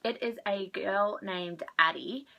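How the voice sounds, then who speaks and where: In a slow, medium-pitched voice with vocal fry, a young female book vlogger rambles through a casual chat about her recent reads, correcting herself as she goes. She sounds a little stuffy from sneezing, and the audio is muffled.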